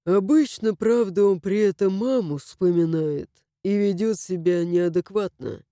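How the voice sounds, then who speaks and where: A woman voicing a calm, earnest young man who is a loyal friend, in an audiobook reading. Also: medium pitch, a little slow, no echo, studio quality, natural voice. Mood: explaining. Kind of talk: audiobook character voice.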